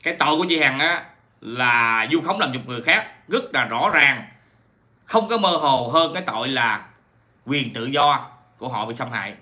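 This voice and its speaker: A man's voice: medium pitch, lively intonation, normal speed, pushed and bright. A man giving a rambling commentary to his viewers, full of fillers, self-corrections and rhetorical questions. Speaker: YouTube commentator. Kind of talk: casual commentary monologue.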